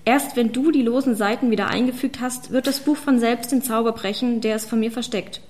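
A woman's voice: a little high, lively intonation, normal speed, lightly acted. A woman voicing a power-hungry witch. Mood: calm. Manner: hissing, commanding, then shouting. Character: fierce ageless female witch, power-hungry.

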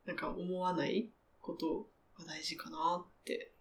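A woman's voice: lowish voice, steady tone, creaky, slight background noise. A woman in her twenties, a podcast guest chatting casually and rambling through fillers. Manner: quick, rambling with many fillers.

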